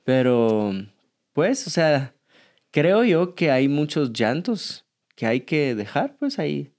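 A podcast co-host who gives short agreeing replies and then reflects on a point calmly in a casual chat. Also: medium pitch, slow.

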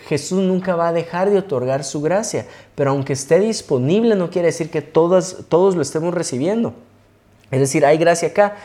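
Mellow young man giving a short sermon. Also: a little high. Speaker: co-host and preacher. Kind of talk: casual chat turning to a short sermon.

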